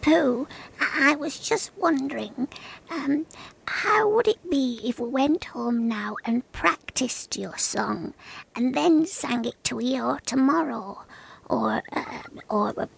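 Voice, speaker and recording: A woman's voice: sits high, lively intonation, takes it slowly, gravelly, few pauses, heavily acted, poor audio. A woman playing a small, timid, anxious male piglet in a children's audio drama, speaking with a hesitant manner. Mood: nervous, hesitant. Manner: hesitant, stammering, questioning.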